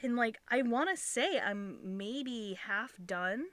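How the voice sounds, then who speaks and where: Young woman, streamer, casual sewing chat, thinks out loud, repeats herself, bouncy animated pitch. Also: slow, dry recording. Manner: thinks aloud, chatty and repetitive.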